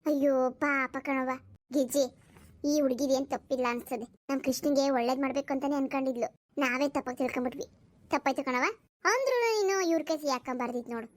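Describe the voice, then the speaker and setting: Woman playing outspoken cartoon village women, very high-pitched and blunt. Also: quick pace, dry recording, close to an everyday voice. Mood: sympathetic. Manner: scolding, blunt village talk. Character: scolding village women, friends of Jayakka. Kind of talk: cartoon voice acting.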